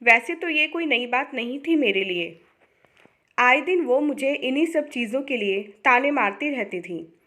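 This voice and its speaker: A woman narrating a first-person family story, reading it aloud in a calm, even way. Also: sits high, a little slow.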